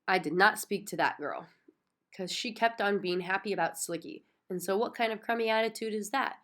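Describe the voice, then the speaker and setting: A woman reading a children's book aloud with expressive, childlike first-person narration. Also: mid-range voice, fairly quick. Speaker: audiobook reader.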